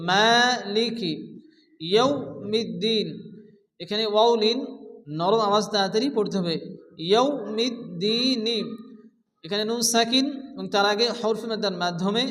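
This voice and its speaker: Male recitation teacher, high and bright, slow drawn-out chanting of examples, long reverb. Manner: explains rules, then chants words slowly and drawn out. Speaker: Quran reading teacher. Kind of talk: step-by-step recitation lesson.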